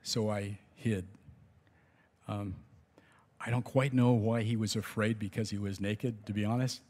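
A man's voice: on the low side, fairly even intonation, a little slow, a little mellow. Man preaching in a reverberant hall. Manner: conversational, with chuckles and restarts. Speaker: pastor. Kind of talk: sermon. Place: church sanctuary.

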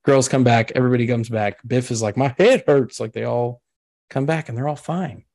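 A man with a middle-pitched voice talks through a movie plot in a loose, rambling way. His sentences are full of fillers and restarts, and he laughs often. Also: fairly even intonation, brisk, vocal fry, a little mellow. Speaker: podcast host. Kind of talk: casual chat recapping a film.

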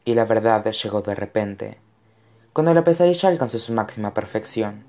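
A man's voice: on the low side, moderate pace, a little mellow. A man narrating an audiobook with dramatic storytelling. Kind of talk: scripted narration.

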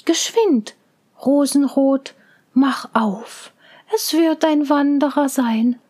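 A woman voicing a kind, caring mother in a fairy tale reading, gentle and soothing. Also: high-pitched, slow pace.

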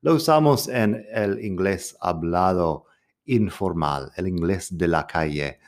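A man teaching a grammar lesson, patiently repeating each example and translating it. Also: deep voice. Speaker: English teacher.

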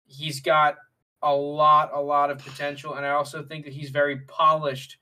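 A man co-hosting a casual sports talk show, relaxed and using many fillers. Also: a little high, normal speed. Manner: relaxed, filler-heavy, leads the segments. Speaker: podcast co-host. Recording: voice distant from the mic.

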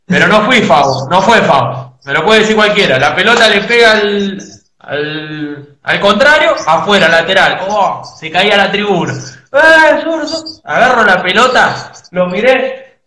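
A man's voice: high voice, lively intonation, unhurried, sharp tone, roomy sound. A man with a Uruguayan accent, a footballer telling jokey, boastful stories as a guest in a casual live-stream interview. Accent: Uruguayan Spanish.

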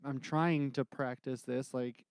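A man with a nasal voice co-hosting a casual podcast, talking animatedly and swinging his pitch up and down. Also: fairly even intonation, unhurried, a little mellow, smooth, no echo, clean studio sound. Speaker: podcast co-host and pastor.

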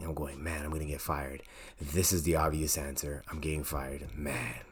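A young man from Canada hosting a podcast, telling a personal story in a lively way and acting out the voices of the people he quotes. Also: sits low, slightly rough. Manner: animated, acts out quoted voices. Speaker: podcast host.

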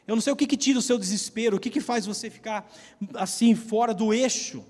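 A man's voice: high-pitched, fast talker, darkish tone. A Brazilian man preaching a sermon, telling a personal story in a casual, slangy way. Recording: long reverb of a large hall.

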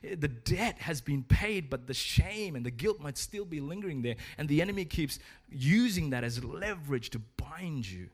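A man's voice: a little high, lively intonation, moderate pace, hardly any pauses. A man preaching a sermon in an earnest, urging way, telling a story along the way.

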